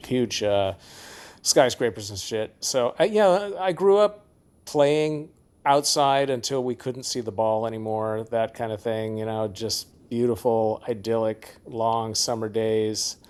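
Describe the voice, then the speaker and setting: A man's voice: lowish voice, a little slow, darkish tone, clear, resonant tone. A middle-aged man from the Seattle area, a guest musician in a casual interview, rambling through stories and laughing often.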